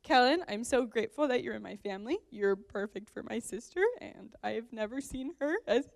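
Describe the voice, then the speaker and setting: A woman's voice: fairly high pitch, normal speed, gravelly. A young woman in her twenties giving a wedding toast for her sister, laughing and tearing up as she speaks. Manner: emotional, laughing through tears.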